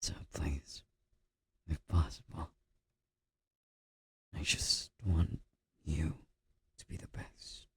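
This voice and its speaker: Guy doing whispered boyfriend role-play asmr, deep n gravelly, slow soft comforting murmur right on the mic. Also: flat delivery. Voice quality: husky, gravelly. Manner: soft, breathy, intimate murmur drifting into whisper; slow, gently reassuring boyfriend-style comforting. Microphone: close microphone.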